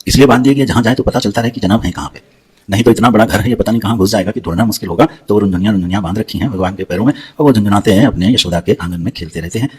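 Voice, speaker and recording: Male preacher, devotional sermon, rapid delivery, husky lowish voice, animated storytelling. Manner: fast and animated storytelling, with Sanskrit verses chanted. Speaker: preacher telling scripture stories.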